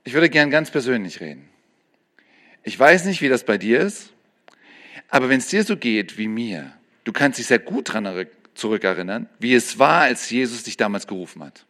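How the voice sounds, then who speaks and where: A man preaching a sermon, animated, moving between loud emphasis and quiet, personal confiding. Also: medium pitch.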